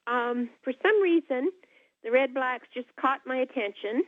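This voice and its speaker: A woman's voice: high voice, lively intonation, a little slow, no room sound. An older woman calling a talk radio show over the phone, speaking earnestly and with enthusiasm. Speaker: caller. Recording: tinny dry phone line.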